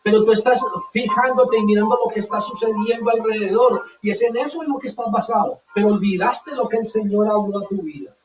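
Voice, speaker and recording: A man's voice: high-pitched, brisk, few pauses, distant mic, noisy background. A man preaching a sermon with fervor, hammering his points by repeating them. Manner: fervent, repeats phrases for emphasis. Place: church hall. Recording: dull echoey church sound from afar.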